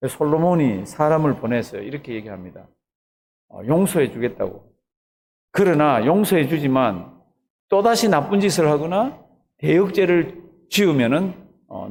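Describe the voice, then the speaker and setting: A man's voice: a little high, darkish tone. A man, a pastor, preaching an early morning sermon, retelling the story animatedly and asking the congregation questions.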